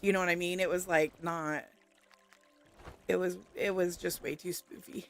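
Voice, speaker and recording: A woman's voice: lowish voice, fairly even intonation, normal speed, faint music behind. A woman streamer chatting casually with viewers while playing a game, laughing often. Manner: chatty and giggly, answering viewers. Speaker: gaming streamer.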